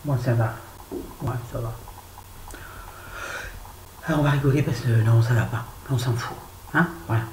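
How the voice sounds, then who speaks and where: A woman's voice: a bass voice, moderate pace, pauses often. A middle-aged woman chatting casually through her used-up beauty products, playfully putting on a southern French accent. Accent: southern French, put on. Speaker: beauty vlogger. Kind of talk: casual empties review. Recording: echoey room with faint noise.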